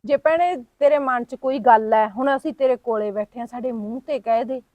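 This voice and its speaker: A woman plays a village sister-in-law who speaks mildly and reasonably. Her voice is fairly high and sounds dry and close. She stays soothing as she tries to calm the quarrel. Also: normal speed, dry recording, close to an everyday voice. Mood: conciliating.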